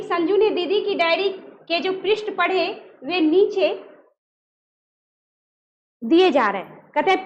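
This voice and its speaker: Female teacher, very high voice, drilling students with rhetorical questions, dull lo-fi audio. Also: a bit bright. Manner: asks the class questions and answers them herself; repeats key words to drill them. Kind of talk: explaining a Hindi textbook lesson. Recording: dull lo-fi recording.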